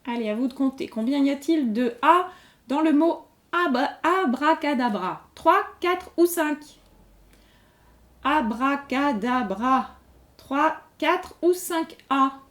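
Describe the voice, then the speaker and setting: A woman's voice: high voice, measured pace. A woman hosting a general-knowledge quiz, reading each question twice and patiently explaining the answer. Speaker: quiz host. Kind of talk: reading quiz questions aloud, slow and clear.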